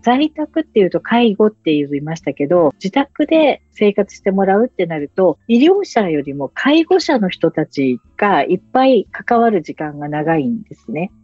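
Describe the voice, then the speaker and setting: A woman nurse in remote home monitoring, explaining her service in an interview with a Hakata dialect and animated storytelling. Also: mid-range voice, normal speed, hardly any pauses, breathy edge, no echo, soft background music. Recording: dull lo-fi recording.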